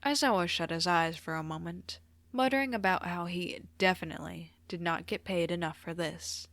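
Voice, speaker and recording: Low-voiced woman reading a story. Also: normal speed, creaky, fairly bright tone, dry recording. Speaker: podfic reader. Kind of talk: storybook narration.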